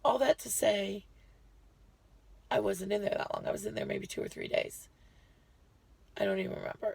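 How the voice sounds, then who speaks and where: A woman's voice: medium pitch, gravelly, darkish tone, breathy edge. A woman vlogger giving a chatty, rambling health update to her viewers, short of breath and often correcting herself. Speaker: lifestyle vlogger.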